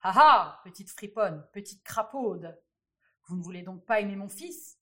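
A woman voicing a wicked, blustering old king who shouts threats, with a breathy voice. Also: a little high, animated, fast talker, voice pushed up. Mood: furious.

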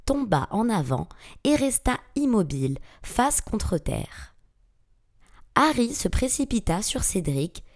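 Expressive woman reading a fantasy audiobook. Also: medium pitch. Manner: expressive, dramatic storytelling. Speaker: narrator.

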